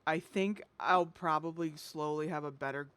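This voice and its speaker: Woman co-host, casual book-club chat, wry and relaxed, thinks out loud about how far she's read. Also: low voice, normal speed, clear, resonant tone. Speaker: podcast co-host.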